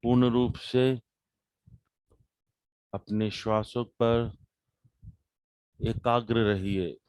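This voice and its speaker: A man with an Indian accent guides a meditation, calm and measured, leaving deliberate pauses between short phrases. His mid-range voice is smooth, and the recording is dry.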